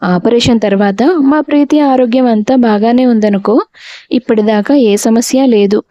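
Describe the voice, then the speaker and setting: A woman reading the lines of a calm older village man who lends money, in an audio storybook. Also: fairly high pitch, moderate pace, no room sound, natural voice. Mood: calm explaining. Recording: dull, dry lo-fi recording.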